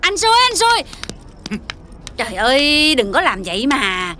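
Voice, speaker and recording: Scheming middle-aged mother-in-law, high voice, wheedling, melodramatic pleading, TV drama. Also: expressive, takes it slowly, sharp tone, heavily acted. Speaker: actress. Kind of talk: TV drama acting.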